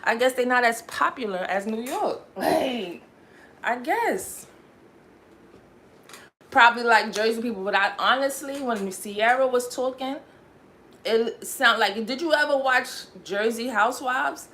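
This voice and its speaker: A woman's voice: on the high side, unhurried, fairly bright tone. A young woman raised in Connecticut, chatting casually on her livestream in a rambling, slangy way and laughing often. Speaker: livestream host.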